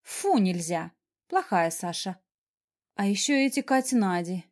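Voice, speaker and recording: A woman reading a first-person audiobook in a wry, expressive way. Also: mid-range voice, measured pace. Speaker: audiobook narrator.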